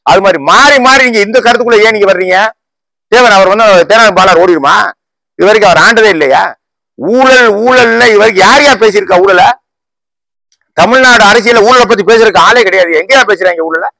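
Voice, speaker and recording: A man rants about politics at a quick clip. His voice sits high and bright, firing off rhetorical question after question. The sound is close and dry. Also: gravelly, dry recording, poor audio. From Tamil Nadu. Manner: combative, rapid rhetorical questions. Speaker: political YouTuber. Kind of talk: heated political rant to camera.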